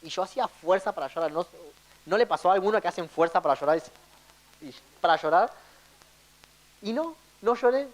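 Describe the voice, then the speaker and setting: A man's voice: sits high, lively intonation, fairly quick, long pauses, low-quality recording. A young man from Argentina with a Rioplatense accent, giving an earnest testimony in a church sermon. He speaks straight to the congregation and often repeats his phrases. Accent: Rioplatense Spanish. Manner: earnest, addresses the audience directly, repeats phrases.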